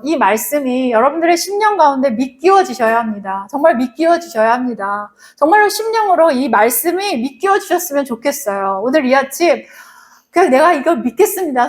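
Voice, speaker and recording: A woman pastor preaching a sermon, earnestly repeating her points and calling on the congregation to answer. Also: high voice. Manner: asks the congregation for responses. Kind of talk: leads closing prayer.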